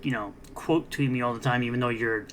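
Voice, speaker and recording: Man, mid-pitched voice, mocking commentary host, scornful reactions, noticeable background noise. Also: fairly even intonation, a little fast. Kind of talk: drama commentary, reading posts aloud and reacting. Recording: clearly noisy background.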